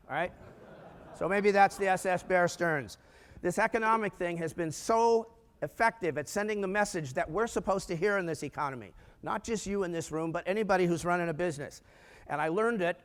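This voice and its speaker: An older American man giving an energetic conference talk on business finance, with rhetorical questions and humorous asides. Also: high voice. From United States. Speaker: keynote speaker on business finance. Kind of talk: conference presentation. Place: large conference room. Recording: echoey hall reverb.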